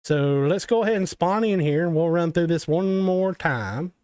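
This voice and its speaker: Here a man with a Southern US accent runs a casual game dev tutorial stream, addressing viewers directly in a rambling way with self-mocking jokes. The voice is a little high, expressive, a little mellow, clear and resonant, at a moderate pace with no room sound.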